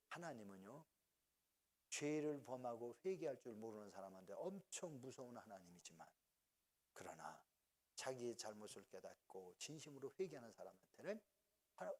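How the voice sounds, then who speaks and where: A middle-aged male pastor preaching a sermon, telling family stories with laughter and acting out his parents' voices. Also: on the high side. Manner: storytelling, acts out parents' voices, laughs often.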